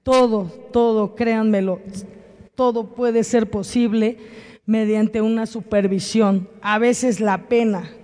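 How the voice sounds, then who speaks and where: High-voiced man giving earnest advice. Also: steady tone, slow, a little mellow, long reverb tail. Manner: earnest, repeating for emphasis. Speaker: panel speaker.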